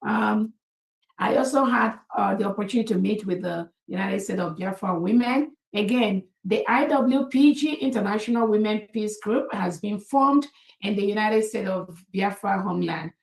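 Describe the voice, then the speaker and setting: A woman's voice: medium pitch, normal speed, creaky, echoey room, rough recording. A woman addressing members in an online meeting, earnest and formal, thanking people by title.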